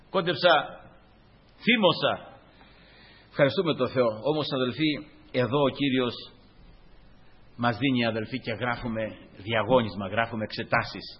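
A man preaching a sermon to his congregation, animated, acting out the dialogue he quotes. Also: mid-range voice, husky. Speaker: lay preacher. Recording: dull lo-fi recording.

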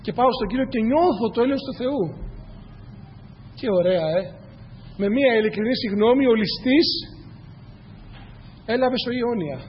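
A man's voice: very high voice, pauses often. A man preaching a sermon in earnest, asking rhetorical questions and repeating key phrases. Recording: muffled, echoey hall with faint noise.

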